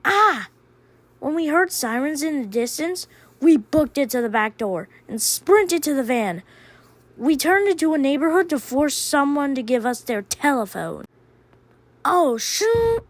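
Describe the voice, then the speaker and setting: A woman telling a first-person diary story in a deadpan, unhurried way. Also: high voice, dry recording.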